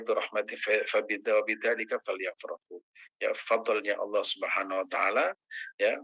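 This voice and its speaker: A man teaching as an ustaz in a religious study session, answering questions, quoting Arabic prayers and rising high in pitch when stressing a point. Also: bright, forceful tone, breathy edge, low-quality recording.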